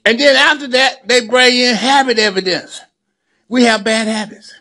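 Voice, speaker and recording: At a moderate pace, a very high-pitched, sharp-toned voice belongs to a man in his seventies giving a speech to a gathering. He's a lawyer and community activist, preacherly in manner, repeating phrases for emphasis.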